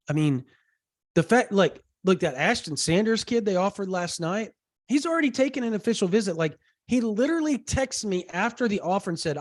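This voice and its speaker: A man with a sinus infection, congested and talking through a cough drop, chatting excitably as a sports podcast co-host. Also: high voice, no room sound, studio quality. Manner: rambling, excitable, many fillers. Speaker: co-host, recruiting reporter. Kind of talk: casual sports podcast chat.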